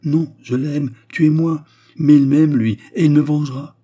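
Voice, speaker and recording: A man's voice: fairly low pitch, lively intonation, moderate pace, darkish tone, slightly rough. A man reading a novel aloud and voicing a frail young woman who answers firmly and briefly. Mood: defiant. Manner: firm, brief replies. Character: frail young rival woman, firm and brave. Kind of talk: audiobook character reading.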